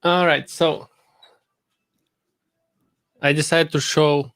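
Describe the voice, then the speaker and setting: A man's voice: fairly high pitch, flat delivery, takes it slowly, fairly bright tone. A man from Bulgaria, an upbeat, joking guest on a casual podcast chat. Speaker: guest YouTuber.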